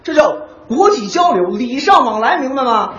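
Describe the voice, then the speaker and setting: A woman performs comic crosstalk as the straight woman, feeding lines and scolding with a laugh. Her voice sits high and swings widely in pitch. The room adds an echoey ring. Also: sing-song, moderate pace, muffled recording. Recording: roomy echo.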